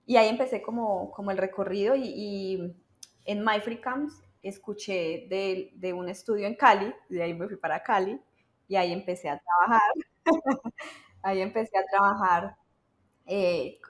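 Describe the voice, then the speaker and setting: A young woman with a Colombian accent tells her story in a relaxed, chatty way. She slips into the voices of the people she quotes and keeps her telling lively. Her pitch sits in a middle range. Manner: animated, acts out quoted dialogue. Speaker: webcam model guest. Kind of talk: casual storytelling.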